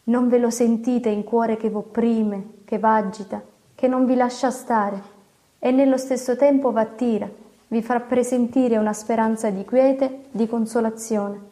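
A solemn, gentle old cardinal, read by a woman in a slightly high but mellow, warm voice. He speaks calmly and deliberately, like a patient churchman in a storybook. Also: close to an everyday voice. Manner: calm, measured, solemn.

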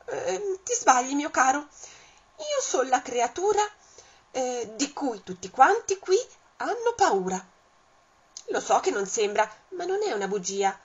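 A small clever mouse who boasts that the whole forest fears him, as a woman reads him aloud. His voice is high and cheeky with a husky edge. The sound is dull and lo-fi. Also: sing-song, slow, full character voice. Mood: boastful.

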